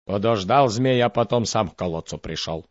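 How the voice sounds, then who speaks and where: A man telling a fairy tale in a measured, expressive storytelling voice. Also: lowish voice, no room sound, highs cut off.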